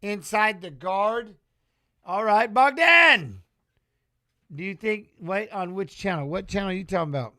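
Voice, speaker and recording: Excitable man calling a fight live. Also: high voice, brisk, hardly any pauses. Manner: excitable, chatty, talks to viewers and chat. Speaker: watch-along host and fight commentator. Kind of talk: casual live fight commentary.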